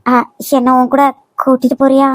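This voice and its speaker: Woman doing a sad cartoon new bride, quiet and subdued, high voice, kanyakumari tamil. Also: completely flat delivery, normal speed, natural voice.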